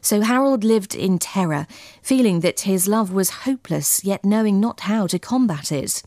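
A woman narrating an archaic folk tale in measured, storytelling tones into a close microphone. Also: mid-range voice, animated, darkish tone, no room sound. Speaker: audiobook narrator. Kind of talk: scripted narration.

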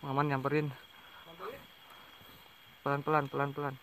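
A man's voice: mid-range voice, monotone, moderate pace, fairly bright tone, slight background noise, rough recording. A man on a ghost hunt, pointing things out with urgent exclamations and repeated takbir outdoors at night. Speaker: ghost-hunt team member. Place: outdoors at night in rural surroundings.

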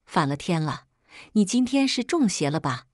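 A woman voicing a furious, bullying old grandmother who shouts and scolds shrilly. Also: on the low side, big pitch swings, normal speed, no room sound, clean studio sound. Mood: raging.

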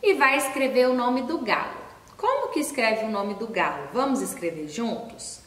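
A woman teacher giving a recorded class to young children, spelling out letters and syllables slowly and patiently, asking questions and then answering them herself. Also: on the high side, expressive. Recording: echoey room, distant from mic.

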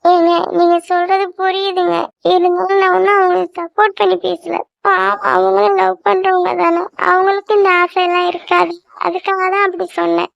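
A woman voicing a young cartoon wife who pleads and gets upset easily, with a whiny, squeaky voice. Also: little pitch movement, brisk, gravelly, few pauses, dry recording, highs cut off, exaggerated voice. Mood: worried.

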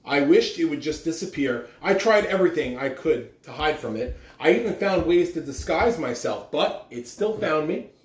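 A middle-aged man speaks to children in a voice on the high side, with lively intonation and a moderate pace, reading morning announcements and a story aloud as a school announcer would. It's recorded roomily in a living room from a distant mic.

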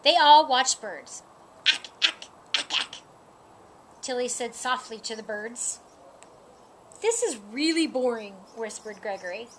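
A middle-aged woman, slightly high-voiced, reads a children's picture book aloud outdoors in a sunny yard. Her reading is slow and lively, and she raises her voice for the animal parts. The camera, a few feet away, catches a little hiss or hum.

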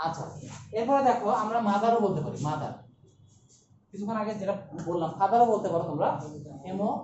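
A woman gives a grammar lecture, patiently repeating herself and checking understanding with tag questions. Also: mid-range voice. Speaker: English grammar teacher. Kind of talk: classroom lecture. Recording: roomy, distant, dull lo-fi sound with faint noise.

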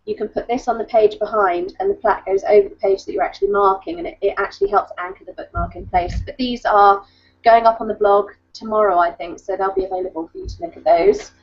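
Very animated and fast-talking, this woman in her thirties has a medium-pitched voice as she does a casual craft show-and-tell over a webcam call. She's a craft blogger who keeps interrupting herself, speaking from a book-lined room at home. The call audio sounds dull and lo-fi.

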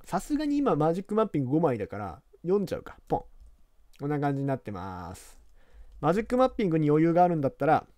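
A man from Japan talking casually over a video game he plays, rambling and chatty in rough, informal speech. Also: fairly high pitch, huge pitch swings, rapid-fire, dark tone, no echo. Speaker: game commentator. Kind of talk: casual let's-play commentary.

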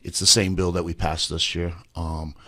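A man's voice: deep voice, little pitch movement, normal speed, bright, forceful tone. A middle-aged man from Zimbabwe, a state delegate answering questions on a radio talk show in a plainspoken way, with many fillers and restarts. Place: small office, indoors. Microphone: studio mic with headphones, remote video link.

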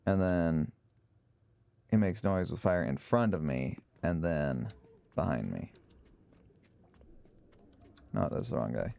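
A man's voice: a bass voice, lively intonation, takes it slowly, gravelly, long pauses, dark tone. A man co-playing a game, thinking aloud and puzzling over clues in casual commentary. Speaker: co-player.

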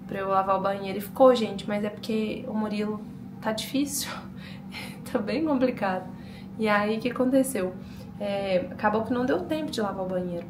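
A woman's voice: mid-range voice, distant mic. A woman, a mother chatting casually to her viewers at home as she vlogs. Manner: chatty, addresses viewers often. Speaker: vlogger mother. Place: family home, kitchen and bathroom. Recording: echoey home room with background noise.

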